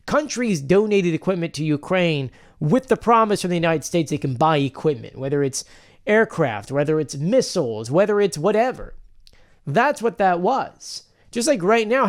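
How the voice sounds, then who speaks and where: Animated man giving casual news commentary. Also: sits high. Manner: rambling, emphatic, argues directly with the subject.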